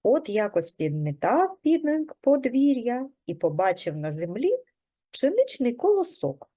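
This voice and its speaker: A woman preschool teacher reads a folk tale to young children. Her slightly high voice rises and falls with animated storytelling, and she speaks slowly and gently.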